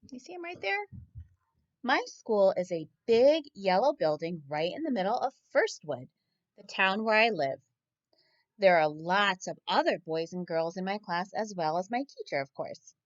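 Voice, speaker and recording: A woman's medium-pitched voice swings widely as she reads a picture book aloud for children at normal speed. Like a teacher, she reads with expression and keeps stopping to ask her young listeners questions. The recording is echo-free but muffled.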